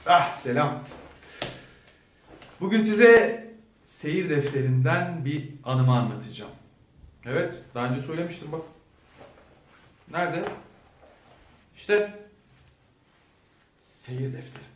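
A man's voice: on the high side, animated, slow pace, pauses often. A man telling a children's story in a playful, theatrical way, as a clown doctor. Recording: roomy echo, mic at a distance, faint background hum.

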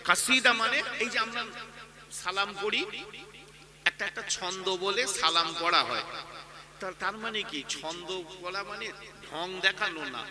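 Brief: high-pitched male preacher on a stage mic, waz sermon style, bursts of fervor, asks the crowd questions, audience noise behind. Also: expressive, a little slow. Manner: rising to loud emotional outbursts then dropping to storytelling; tells anecdotes, asks the crowd rhetorical questions. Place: outdoor religious gathering on a stage. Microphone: stage microphone.

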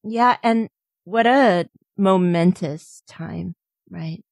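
A woman's voice: on the low side, extremely slow, vocal fry, darkish tone, dry recording. Chatty American woman hosting a podcast. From United States. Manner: chatty and affirming. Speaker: podcast host. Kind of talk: casual podcast conversation.

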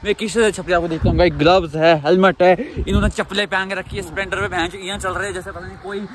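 A man riding and vlogging, talking fast and excitedly to his viewers, often shouting at other riders, recorded on a helmet camera outdoors on the road. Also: high voice, a little hiss or hum. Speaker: motovlogger. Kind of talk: casual vlog talk to camera. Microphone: helmet-mounted action camera.

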